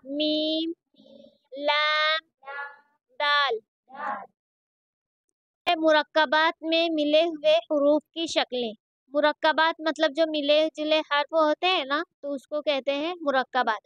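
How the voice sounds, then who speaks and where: A woman's voice: high-pitched, fairly bright tone, no echo, muffled recording. A woman teaching a Quran reading lesson, patiently reciting letters one by one and explaining how each is pronounced.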